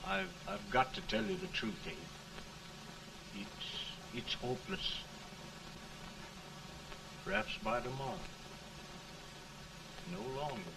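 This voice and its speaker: An actor playing a folksy, concerned frontier friend in early talkie film style. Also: male voice, mid-range voice, big pitch swings, slow pace, vocal fry, pauses often, exaggerated voice. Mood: grave. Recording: noisy, distant 1930 film soundtrack.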